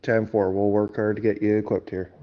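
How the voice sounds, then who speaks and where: A man's voice: on the low side, little pitch movement, a little fast, muffled recording. A man dispatching on a convoy trucker CB-style radio channel, using radio lingo with frequent uh fillers. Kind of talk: live radio channel chatter.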